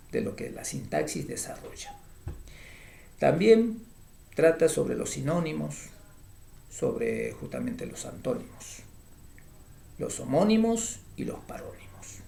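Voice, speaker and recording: A male teacher gives a slow grammar lesson, his voice gravelly and his pitch rising and falling in a lively way. He repeats each term and example and checks in with a quick "mm?". The room sounds echoey, with faint background noise.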